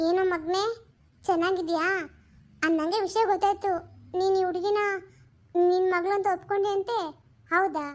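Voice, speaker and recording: A woman playing a sulky, suspicious older mother-in-law in a comedy sketch, lower and quieter than her other voices. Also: steady tone, moderate pace, pauses often.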